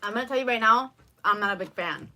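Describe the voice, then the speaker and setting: A woman's voice: a little high, fast, bright, forceful tone. A young woman co-hosting a live lunch stream, bubbly and talking straight to her viewers between bites. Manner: bubbly, addresses viewers directly. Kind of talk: casual chat while eating. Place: at home over lunch.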